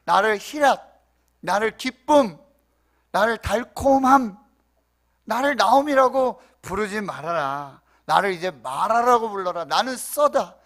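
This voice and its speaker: A man's voice: high voice, lively intonation, unhurried, fairly bright tone, voice pushed up, exaggerated voice. A man preaching acts out a grieving, bitter older widow who laments each of her sorrows in turn. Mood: lamenting.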